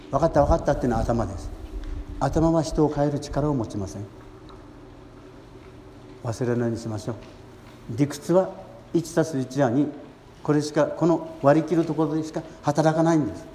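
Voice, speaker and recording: Earnest priest in an echoey church. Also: male voice, on the high side, slight background noise. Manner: gentle, earnest preaching with long pauses. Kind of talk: sermon at Mass. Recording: echoey church hall with faint ambience.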